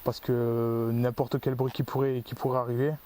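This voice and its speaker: Man, ghost-hunt host, mid-pitched, rambling explainer, outdoor forest, faint hiss. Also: little pitch movement, normal speed, dark tone. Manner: rambling, explains his gear at length. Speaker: paranormal investigator, channel host. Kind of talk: casual on-location commentary.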